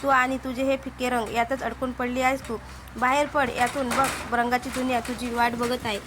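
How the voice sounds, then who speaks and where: A woman's voice: a little high, flat delivery, normal speed, a bit bright, a little hiss or hum, lightly acted. A woman voicing a persuasive young male boss. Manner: coaxing, insistent.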